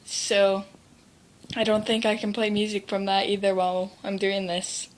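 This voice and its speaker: A woman's voice: medium pitch, level tone, moderate pace, slight background noise. A teenage girl telling a rambling story to camera in a casual vlog, near tears and full of fillers, filmed on a handheld device. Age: teens. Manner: rambling, sidetracked, many fillers. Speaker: vlogger.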